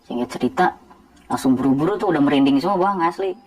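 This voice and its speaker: A man's voice: on the high side, slight background noise, rough recording. Man. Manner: animated, quick asides to the listener. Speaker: truck driver guest. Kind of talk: casual storytelling.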